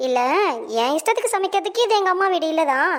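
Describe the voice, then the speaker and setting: A woman's voice: extremely high pitch, expressive, fast talker. A woman acting a cheeky young daughter-in-law who talks back with mock politeness in a comic skit.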